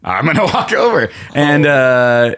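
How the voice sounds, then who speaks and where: A man playing a tabletop game, slowly describing what his character does. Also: medium pitch, sing-song. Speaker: player. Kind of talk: casual chat at a tabletop game. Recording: loud background noise.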